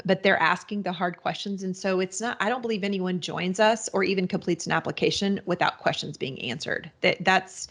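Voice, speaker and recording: A woman with a fairly low, creaky voice appears as a podcast guest, describing her business through casual interview answers. She rambles, often restarts her sentences and uses many fillers.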